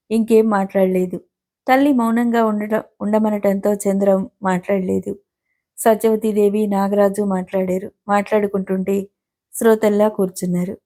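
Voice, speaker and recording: Mellow-voiced woman reading a novel. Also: mid-range voice. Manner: even storytelling, softly voicing each character's lines. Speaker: narrator.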